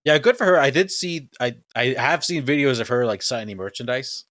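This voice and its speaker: Lively-pitched man on a dry mic. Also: a little fast, dry recording. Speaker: podcast co-host. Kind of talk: casual chat.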